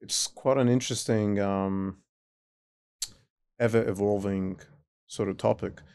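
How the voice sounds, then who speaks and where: Recorded dry with clean studio sound, this podcast host has a non-native accent and a low, clean, slightly mellow voice with fairly even intonation and a somewhat slow pace. He keeps the interview casual, probing with questions and frequently answering with brief affirmations.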